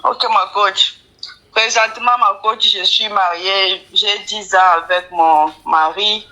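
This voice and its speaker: A woman with a Congolese accent telling her story as a deferential caller, in halting, broken French as a non-native speaker with grammar slips. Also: medium pitch, steady tone, sharp tone, poor audio. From Kinshasa, Congo. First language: not French; speaks it with difficulty. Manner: deferential, often addressing the coach by title. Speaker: caller to a live coaching show. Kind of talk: personal storytelling.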